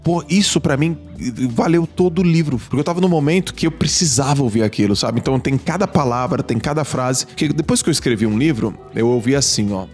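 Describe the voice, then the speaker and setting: Brazilian Portuguese male guest, mid-pitched storyteller who acts out dialogue, faint music underneath. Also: a little fast, few pauses, a little mellow. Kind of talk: casual podcast chat.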